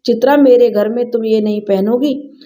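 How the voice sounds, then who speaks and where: A woman's voice: on the high side, normal speed, mellow, lightly acted. A woman voicing a middle-aged village mother who speaks firmly and sternly to her son and daughter-in-law. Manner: stern, firm.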